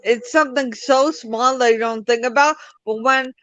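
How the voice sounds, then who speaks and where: A young woman from the United States, an interview guest telling her personal story haltingly, with restarts, over a video call. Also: a little high, fairly even intonation, a bit bright, no room sound. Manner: halting, many restarts and fillers. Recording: dull lo-fi call audio.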